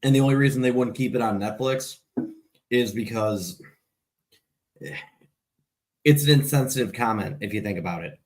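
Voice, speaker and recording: A man's voice: medium pitch, normal speed, pauses often. A man with an Illinois accent, rambling through casual late-night podcast chat as a co-host, often restarting his sentences. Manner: rambling, repeats words when starting.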